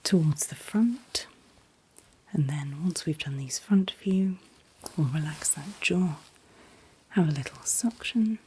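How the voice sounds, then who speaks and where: A woman doing a whispered role-play as a calm dentist, speaking in a breathy whisper with gentle, reassuring, unhurried instructions. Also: low voice, slight background noise, poor audio. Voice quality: breathy, mostly unvoiced whisper. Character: calm, attentive dentist soothing a patient. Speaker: ASMR performer playing a dentist.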